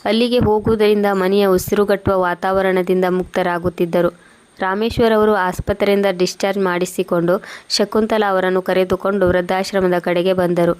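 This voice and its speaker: Woman reading out a moral story, flat steady voice, medium pitch. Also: moderate pace. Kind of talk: scripted story narration.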